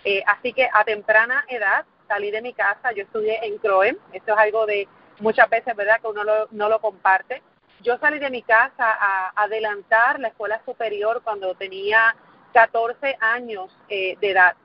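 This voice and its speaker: A Puerto Rican motivational speaker in her forties gives an earnest presentation, often repeating words for emphasis and putting questions to the audience. Her mid-range voice holds a steady tone at a moderate pace, and the highs are cut off.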